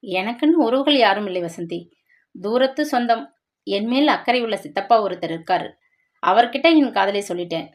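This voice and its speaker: A woman's voice: mid-range voice, animated, normal speed, lightly acted. A woman voicing a young man, an earnest and reassuring fiancé, in a dramatic story reading. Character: young adult man, eager fiancé, a teacher.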